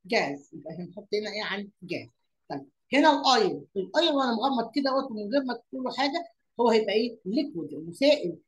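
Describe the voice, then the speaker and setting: A woman's voice: mid-range voice, sing-song, rapid-fire, rough recording. A woman with an Egyptian Arabic accent teaching young pupils. She repeats words, asks questions aloud and mixes English lesson words into her Arabic explanations.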